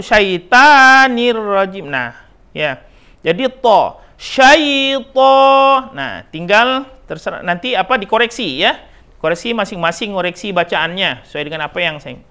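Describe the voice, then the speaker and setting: A middle-aged man with an Indonesian accent teaches Quran pronunciation, drawing out syllables to demonstrate, repeating right and wrong forms and often checking with "nah" and "ya." His high-pitched voice is animated, bright and forceful, at normal speed.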